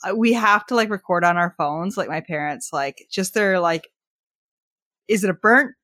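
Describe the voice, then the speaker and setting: A young woman co-hosting a podcast in casual chat, talking fast with lots of fillers and giggles. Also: fairly low pitch, fairly bright tone, no echo, studio quality. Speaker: podcast co-host.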